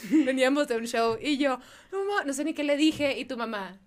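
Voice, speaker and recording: A woman's voice: high-pitched, normal speed, crowd noise. A woman with a Mexican Spanish accent, co-hosting a podcast in casual, slangy chat, laughing often. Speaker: podcast co-host.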